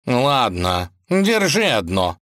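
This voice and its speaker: A man's voice: mid-range voice, very animated, takes it slowly, a bit bright, dry recording, studio quality, voice pushed up. Curt, greedy scholar cat in a fairy tale, voiced by a male narrator. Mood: grumpy. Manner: curt, grudging.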